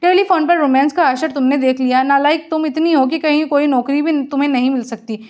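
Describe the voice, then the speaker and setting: Woman storyteller, Pakistani Urdu accent, high voice, lively novel reading with voiced dialogue. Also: brisk.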